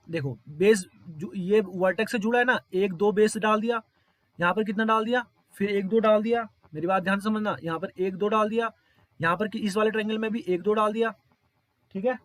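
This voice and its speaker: Brief: male tutor, high voice, dry close sound, repetitive step-by-step explainer. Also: fairly bright tone, dry recording. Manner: repetitive, quizzes listeners often. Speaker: teacher. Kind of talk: explaining exam problems step by step.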